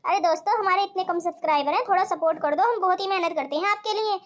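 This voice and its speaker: एक औरत channel host के रूप में दर्शकों से सीधे, दोस्ताना अंदाज़ में अपील करती है।. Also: female voice, extremely high pitch, fast talker. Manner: friendly direct appeal to viewers. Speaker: channel host. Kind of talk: video outro appeal.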